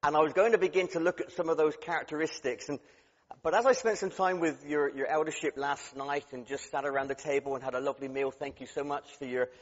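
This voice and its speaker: West Country preacher in a reverberant church. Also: male voice, a little high. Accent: West Country English. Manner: chatty and humorous, with frequent stammered restarts. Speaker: guest preacher. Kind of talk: sermon. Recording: dull sound with long hall reverb.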